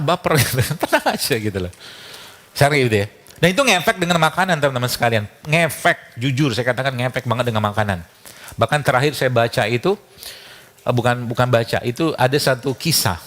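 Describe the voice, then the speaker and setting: A man's voice: medium pitch, fairly bright tone. A man giving a casual talk full of anecdotes. He chuckles often and acts out the dialogue he quotes.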